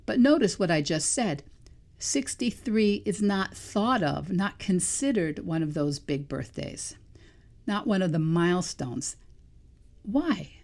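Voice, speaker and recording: Speaking slowly in a lowish, slightly mellow voice with lively intonation, a vegan life coach in her sixties delivers a solo podcast monologue. She's from New England, and her reflections are thoughtful, musing, and self-questioning.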